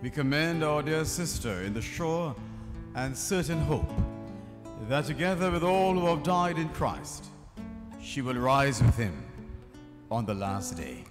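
Slow, measured priest at a funeral. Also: male voice, on the high side, animated. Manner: slow, measured liturgical recitation. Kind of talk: funeral committal prayers. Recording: reverberant space with faint music.

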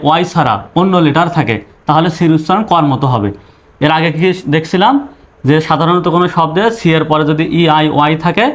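Patient man teaching English spelling. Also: a little high. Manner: patient, repeats rules and spells letters aloud. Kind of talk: spoken spelling lesson.

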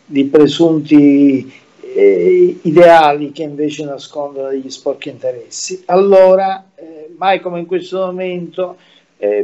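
A man giving his views as a guest in a remote interview, speaking haltingly with many fillers and repeated words. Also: fairly high pitch, mellow, dull audio.

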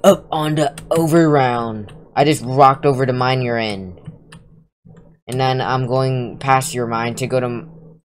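A woman gamer chatting casually with a friend while playing, excitable, laughing often and saying "dude" and "like" a lot. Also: very deep voice, unhurried. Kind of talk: casual gaming commentary.

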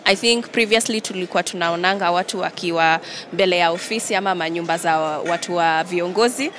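In a crowded indoor event hall, a young woman with a Kenyan accent talks fast into reporters' handheld mics, her lowish voice a bit bright. The on-the-spot interview mixes English and Swahili, with clear background noise from the busy hall.

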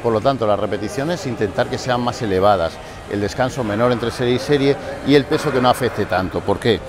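A fitness coach in his forties, with a medium-pitched, fairly quick voice, explains leg exercises step by step in a large indoor gym, often checking in with his listeners. He wears a lapel mic, and music plays clearly behind him.

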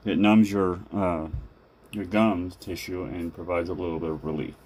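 A man's voice: deep voice, steady tone, moderate pace, a little mellow. A middle-aged man speaking with new dentures, giving rambling, reassuring advice with many fillers and restarts. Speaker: vlogger sharing a recovery journey. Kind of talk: casual first-person advice.

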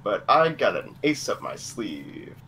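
Bright, lively man joking over a game. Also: fairly low pitch, measured pace, slight background noise. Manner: joking, teasing. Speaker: gamer. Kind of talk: casual gaming chat.

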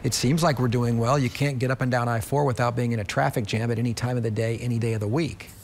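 A man's voice: medium pitch, steady tone, quick pace, a little mellow, slight background noise. A man hosting a television interview show, leading into questions with polished segues. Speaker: TV show host.

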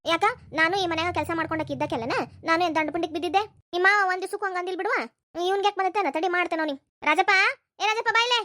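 A stern old cartoon grandmother scolds her family bluntly in a North Karnataka Kannada accent, with a woman putting her on. The voice sits very high and moves quickly. It is recorded dry and close, with no room sound. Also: fairly even intonation, fairly bright tone, no echo. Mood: scolding. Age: older. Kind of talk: cartoon voice acting.

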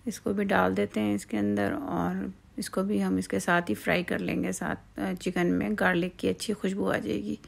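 Gravelly woman talking through a recipe. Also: medium pitch. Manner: chatty step-by-step explaining with fillers. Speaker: home cooking channel host. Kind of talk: casual cooking tutorial. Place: outdoors at night, cooking.

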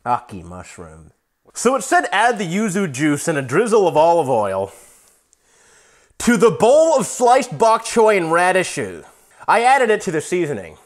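A man's voice: high voice, huge pitch swings, unhurried. A young man, a little drunk, chatting casually with wry, grumbling asides as he hosts a cooking vlog. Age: young adult. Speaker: vlog host reviewing a meal kit. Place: indoors, home kitchen. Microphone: lapel mic.

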